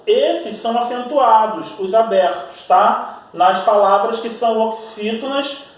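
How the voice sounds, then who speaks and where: High-voiced Brazilian male teacher, echoey room. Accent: Brazilian Portuguese. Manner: explains patiently, checks in with "tá?" and "né?"; drawls example words slowly. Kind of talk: recorded grammar lesson. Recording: echoey room, voice far from mic.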